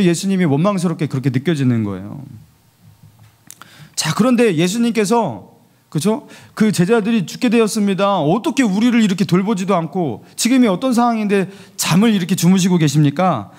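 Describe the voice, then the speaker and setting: Pastor guy preaching, high lively voice, keeps asking the church questions. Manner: animated preaching, asks the congregation questions. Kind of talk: sermon.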